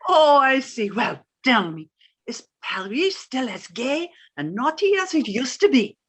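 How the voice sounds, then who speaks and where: A woman plays an older Irish landlady in old-time radio comedy style, using a put-on Irish accent. Her voice is bright, high and sing-song with a breathy edge, a little slow, and heavily acted. She chatters coyly and theatrically, swooping up and down as she gossips.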